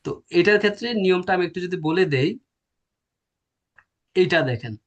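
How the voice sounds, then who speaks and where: Male teacher, a bit high-pitched, quizzes the class and answers himself. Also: expressive, fairly quick, muffled recording. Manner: explains step by step, asks and answers his own questions. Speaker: language teacher. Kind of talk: classroom lecture.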